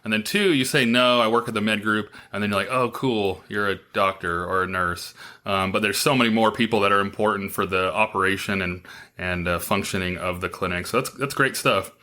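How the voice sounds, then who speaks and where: A man with a lowish, sharp-toned voice talks a little fast as he hosts an interview podcast. His style is casual and upbeat, full of filler words.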